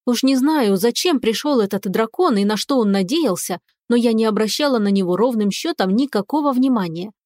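A woman reading a fantasy novel in the first person with expressive, lively storytelling. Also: on the high side, a little fast, hardly any pauses, no room sound, clean studio sound. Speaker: audiobook narrator. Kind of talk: scripted first-person narration.

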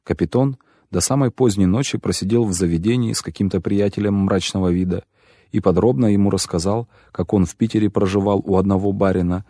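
A man narrating a literary story as an audiobook reader, measured and even. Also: low-pitched, no room sound, studio quality.

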